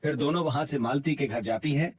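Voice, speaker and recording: Man, storybook narrator, husky voice, fairly high, soft music behind. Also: a little fast.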